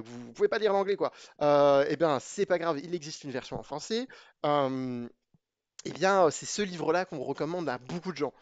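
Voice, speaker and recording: A man's voice: a little high, clear, resonant tone, dry recording, dull audio. A man giving a casual spoken review of programming books to his viewers, chatty and opinionated, hesitating with many fillers and restarts.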